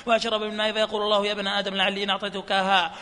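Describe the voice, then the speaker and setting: A man reading hadith chains aloud at a study session, in a rapid, flat recital. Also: sits high. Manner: reads fast in a flat chant, laughs softly at times. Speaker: hadith reader. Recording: reverberant hall with faint noise.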